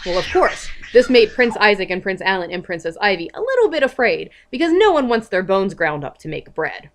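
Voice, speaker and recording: A young woman telling a made-up story to a small child, slowly and expressively, stopping to ask questions. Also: medium pitch, big pitch swings, a little hiss or hum. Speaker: parent telling a bedtime story.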